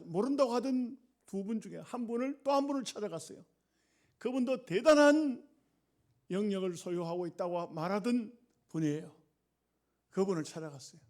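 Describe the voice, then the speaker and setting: A male pastor preaching a sermon, telling a story dramatically and often letting his voice sink low and quiet.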